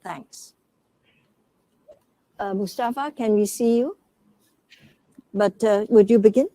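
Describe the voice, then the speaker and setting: A woman moderating a panel discussion, gently inviting speakers and reading out audience questions. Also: medium pitch, slow pace, no echo.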